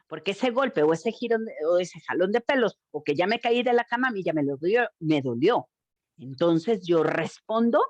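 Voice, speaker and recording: Woman, school talk, expressive, dry sound, muffled. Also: medium pitch, dry recording. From Mexico. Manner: lively, expressive, addresses the audience directly. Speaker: school speaker on gender violence.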